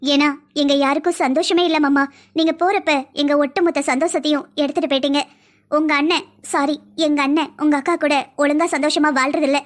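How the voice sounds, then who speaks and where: A woman's voice: high voice, steady tone, fairly quick, close to an everyday voice. A woman voicing a lovesick young woman in a cartoon, speaking in an emotional, pleading way. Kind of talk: cartoon voice acting.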